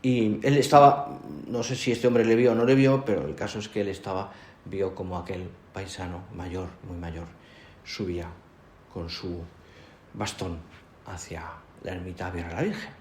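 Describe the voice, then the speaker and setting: A man giving a sermon as a priest, pausing often, repeating words and adding tag questions. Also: low voice, steady tone, darkish tone. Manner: halting, repeats words, frequent "¿eh?" tags. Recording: echoey room, faint ambience.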